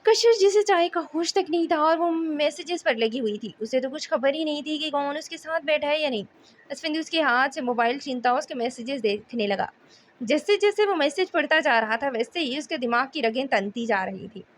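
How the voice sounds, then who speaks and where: A woman narrating a romance novel in a steady storytelling manner. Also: sits high, moderate pace, slight background noise. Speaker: audiobook narrator.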